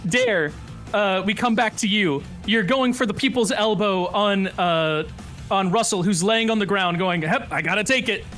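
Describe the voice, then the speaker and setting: A man running a tabletop game as game master, improvising narration with animated, descriptive storytelling. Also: high voice, measured pace, faint music behind.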